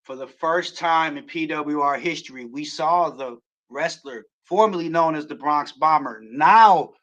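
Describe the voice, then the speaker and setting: A man hosting a wrestling show, recapping a match play by play and building to shouts at the near-falls. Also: on the high side, a little slow.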